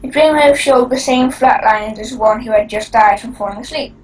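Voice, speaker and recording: Brief: female co-host, fairly high voice, stumbling casual read, picked up from a distance, faint noise. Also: moderate pace. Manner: stumbling, restarting words. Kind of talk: casual creepypasta reading.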